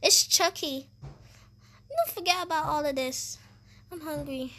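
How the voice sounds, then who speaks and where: A woman voicing her game character, narrating her own actions playfully and repeating phrases excitably. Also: high-pitched, a little slow, slight background noise. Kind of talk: playful game voice-over role-play.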